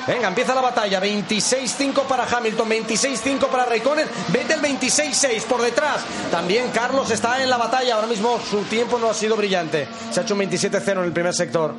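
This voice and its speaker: A man with an accent from Spain giving live motorsport commentary, excitable and emphatic, repeating key figures. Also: very high voice, quick pace. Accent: Spanish, from Spain. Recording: loud engine and trackside noise.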